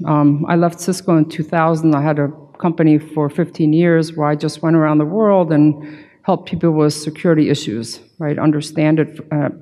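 A warm, low-pitched middle-aged woman, a security consultant, speaks as keynote from a podium in a large conference hall. Her explanations are emphatic and informal, with frequent conversational check-ins like "right" and "you know," picked up by a gooseneck mic with PA hall reverb.

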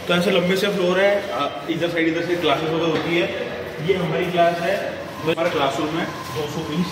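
A man's voice: a little high, steady tone, a little fast, background noise. A young man in his twenties, vlogging casually and joking with viewers while touring his college and a gym. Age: 20s. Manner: joking, chatty, talks to viewers. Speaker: fitness vlogger and college student. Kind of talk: casual vlog chat. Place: college building and gym, indoors. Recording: echoey rooms with music behind.

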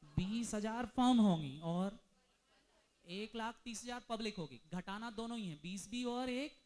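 A man's voice: high-pitched, a little mellow. Man drilling a class with questions. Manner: drills students with rapid questions; mixes Hindi with English terms. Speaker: commerce teacher. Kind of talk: classroom lecture.

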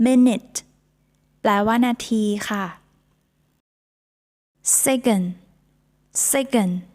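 A woman's voice: on the high side, drawn-out words, a little mellow. A woman with a Thai accent teaching beginner English vocabulary, saying each word three times before she explains it.

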